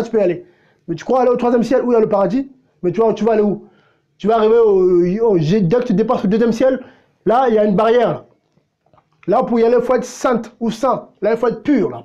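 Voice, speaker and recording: A man's voice: high voice, warm tone, dull audio. A pastor delivering a blunt, confrontational sermon, firing rhetorical questions at his listeners. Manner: blunt and unpolished.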